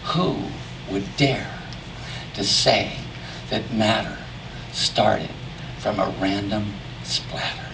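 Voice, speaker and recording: Male cowboy poet, creaky voice, folksy rustic delivery with dramatic pauses, recorded from a distance in a noisy room. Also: lowish voice. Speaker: cowboy poetry performer. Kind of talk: cowboy poetry recitation, drawn-out storytelling verse. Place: live poetry reading at a venue.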